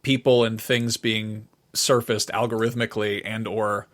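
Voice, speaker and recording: On a casual conversational podcast, a middle-aged male co-host thinks aloud, looping around his point and repeating phrases. He speaks in a lowish, level tone at an unhurried pace.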